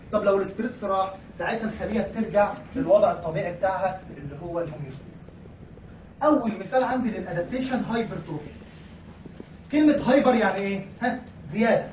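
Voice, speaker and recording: The same Egyptian-accented pathology lecturer keeps blending English medical terms into his Arabic explanation, asking the class questions and then answering them. Here his high voice sounds a little mellow, picked up distantly in an echoey room with slight hiss or hum.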